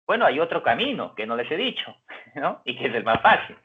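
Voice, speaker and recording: A man gives a university lecture, patiently explaining and posing questions to his students. His voice is husky and slightly breathy. The recording is muffled and lo-fi. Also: medium pitch, very animated, a little fast. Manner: explains step by step, asks rhetorical questions, acts out student voices. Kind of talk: lecture on statistics. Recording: dull lo-fi recording.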